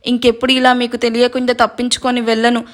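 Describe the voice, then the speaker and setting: A woman voicing a frightened young wife who begs softly through tears. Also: a little high, completely flat delivery, fast, close to an everyday voice. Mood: tearful. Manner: crying, soft, begging. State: crying.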